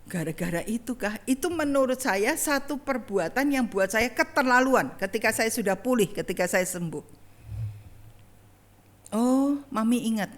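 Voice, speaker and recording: A middle-aged woman evangelist, telling a personal story in a sermon and talking straight to the congregation. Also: a little high. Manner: conversational, addresses congregation directly. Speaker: evangelist preacher. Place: church online service.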